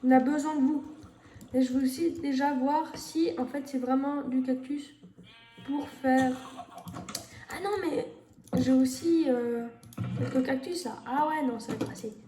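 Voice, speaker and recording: Casual gamer woman, high mellow voice, thinks aloud, echoey room. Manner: thinking aloud, many fillers, talks to the viewers. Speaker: gamer streamer. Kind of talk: casual gameplay commentary. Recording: echoey room with faint noise.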